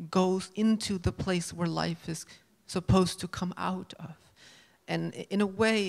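A man moderating a stage panel, speaking in a measured, deliberate academic way into a handheld mic. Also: high voice, creaky. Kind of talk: poetry reading and interview question. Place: auditorium stage.

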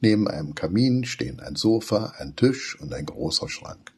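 A man reading a children's story aloud as storyteller, in an expressive, animated way. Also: fairly low pitch, normal speed, gravelly, slightly rough.

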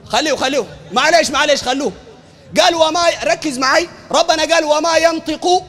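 A man with a Sudanese Arabic accent, a preacher arguing emphatically in a heated public debate, often shouting and repeating phrases. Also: very high-pitched, brisk, big-room sound. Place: university hall.

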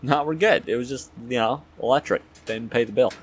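A man's voice: medium pitch, a little fast, slight background noise. A young man commenting casually on a horror game as a scared streamer, jittery and slangy, muttering to himself. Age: young adult.

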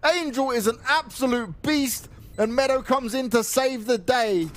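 A man's voice: very high-pitched, measured pace, soft background music. A man giving dramatic live commentary on an esports match.

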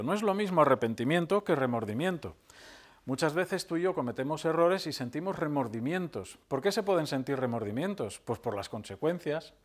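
A middle-aged man, preaching a sermon as pastor in a conversational way, with fillers and slow emphatic phrases. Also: mid-range voice. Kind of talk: sermon with storytelling.

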